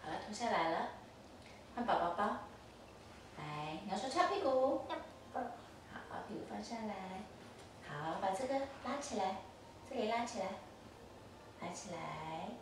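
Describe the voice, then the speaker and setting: A woman's voice: medium pitch, expressive, measured pace, long pauses. A mother patiently coaching her toddler through play, repeating simple instructions over and over. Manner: patient, repetitive, gently instructive. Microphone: distant camera mic. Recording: echoey, distant, noisy home recording.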